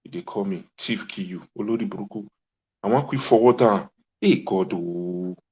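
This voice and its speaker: Here a Nigerian-accented talk show host, whose voice is lowish and a little mellow, speaks at an ordinary speed while ranting informally and passionately in Pidgin. He exclaims often and insists on repeating his phrases. The recording quality is dull lo-fi.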